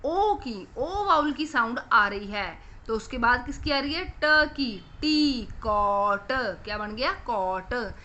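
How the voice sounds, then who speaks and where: A young woman with a Punjabi accent teaching children phonics, asking questions and repeating each answer slowly. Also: high-pitched, animated, sharp tone, muffled recording.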